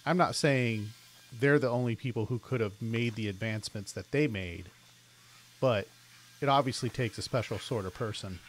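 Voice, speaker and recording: A man's voice: medium pitch, normal speed, slight background noise. Man narrating his woodworking vlog. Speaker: woodworking channel host. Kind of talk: casual voice-over narration. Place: outdoors in an open park.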